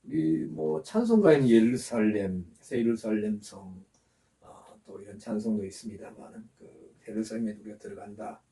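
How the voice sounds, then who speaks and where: A male pastor teaching in the middle of a sermon, stopping to explain terms and having the congregation say words back. His voice is mellow and dark. The recording catches him from some distance. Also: lowish voice, lively intonation, normal speed.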